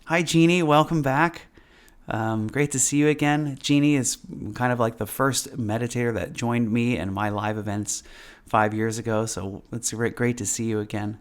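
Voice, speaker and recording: A man speaking as a meditation teacher in a casual live class, explaining informally with pauses and repeated phrases. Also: mid-range voice, fairly even intonation.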